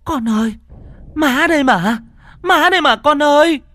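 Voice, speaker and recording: A man's voice: animated, moderate pace, fairly bright tone, no echo. A man putting on a wailing, desperate mother. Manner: high, wailing, pleading. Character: distraught middle-aged village mother, wailing.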